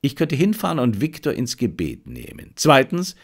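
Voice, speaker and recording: A man's voice: mid-range voice, wildly swooping pitch, normal speed. A male audiobook narrator voicing an intense, fired-up male detective who lectures his assistant urgently.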